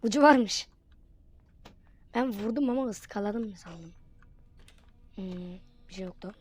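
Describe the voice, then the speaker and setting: Excitable young-sounding gamer woman. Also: mid-range voice, unhurried, a little hiss or hum. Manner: excitable, bursts into frustrated yelps. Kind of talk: casual gameplay commentary.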